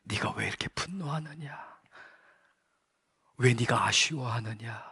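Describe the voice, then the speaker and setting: A pastor voicing God during a sermon, speaking slowly in a hushed, grave tone. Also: male voice, medium pitch, breathy edge, no room sound, studio quality, pitched below the performer's own voice, full character voice. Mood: solemn. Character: solemn divine male voice of God, stern yet loving.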